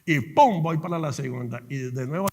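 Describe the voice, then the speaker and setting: A middle-aged man preaching a sermon in church, telling his story with animated fervor. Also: a little high, normal speed, gravelly, big-room sound. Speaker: pastor. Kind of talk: sermon with personal testimony.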